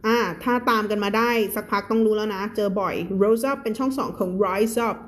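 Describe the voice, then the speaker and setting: A woman teacher on a live stream, reading English aloud slowly word by word and then explaining in quick, chatty Thai. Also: mid-range voice, slight background noise.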